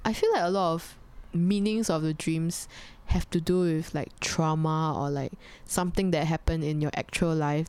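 Young Singaporean woman, lower-pitched voice, casual conversational partner who reacts and asks questions. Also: mellow, smooth.

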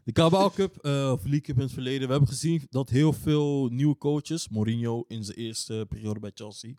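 Young man, medium pitch, dry sound, informally explaining football with English loanwords. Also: fairly quick, darkish tone, no echo. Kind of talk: casual football discussion.

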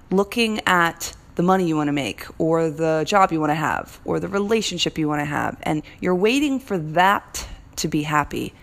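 A woman hosting a lifestyle challenge, giving an upbeat, encouraging motivational talk with a morning voice. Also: lowish voice. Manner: upbeat and encouraging, stretches key words. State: morning voice, clearing her throat.

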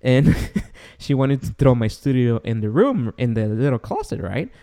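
Young guy podcasting, english is his second language, smooth clear voice, chatting casually in a big echoey warehouse sounding room. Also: mid-range voice, sing-song, moderate pace, dark tone. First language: not English. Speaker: podcast host. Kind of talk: casual chat. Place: large, tall apartment room.

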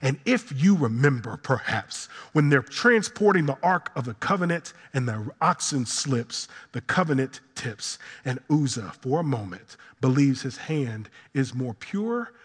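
Husky, impassioned preacher in a hall. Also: male voice, big pitch swings, a little slow, few pauses. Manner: impassioned preaching with dramatic swings of pitch and volume. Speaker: pastor. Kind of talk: sermon.

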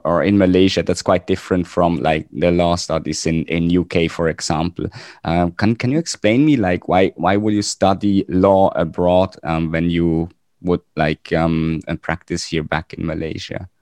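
Male host, low voice, halting friendly questions, dry close sound. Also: darkish tone, no echo. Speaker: podcast host. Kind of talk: conversational interview.

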